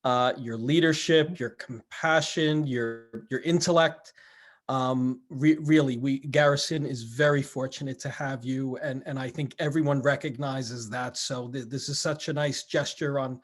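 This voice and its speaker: Man school administrator, earnest, halting delivery, mid-pitched voice, video call. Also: fairly even intonation. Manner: earnest, halting, repeats words. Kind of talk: formal tribute at a board meeting.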